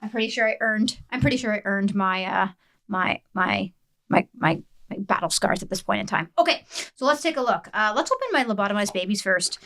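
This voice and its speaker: A woman chatting excitedly and quickly while unboxing and building miniatures at a home tabletop setup. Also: mid-range voice. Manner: bubbly, fast-talking, excitable. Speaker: co-host, new hobby player. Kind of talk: casual unboxing chat.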